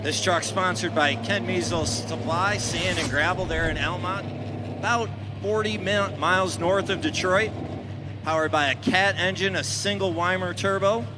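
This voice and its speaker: A man's voice: sits high, steady tone, moderate pace. A man co-announcing a tractor pull, giving conversational color commentary with background details. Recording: very loud engine noise over voice.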